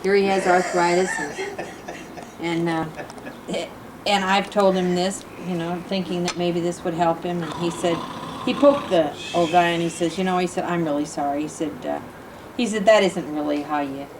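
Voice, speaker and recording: Older woman telling jokes, halting. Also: fairly low pitch, fairly even intonation. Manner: halting, repeats "he said" often. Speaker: joke teller among family. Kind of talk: casual joke telling. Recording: noisy home recording.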